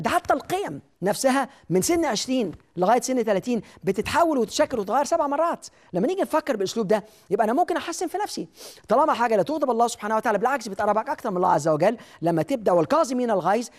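A man's voice: extremely high pitch, a little mellow. A man with an Egyptian Arabic accent hosting a self-help TV show, giving an emphatic motivational talk straight to the viewer.

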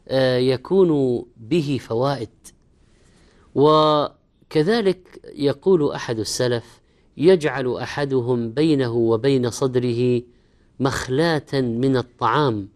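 رجل يلقي درسًا دينيًا بالعربية الفصحى. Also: male voice, medium pitch, unhurried, pauses often, darkish tone. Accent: Arabic, formal standard. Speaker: Islamic preacher. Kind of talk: religious lecture in formal standard Arabic.

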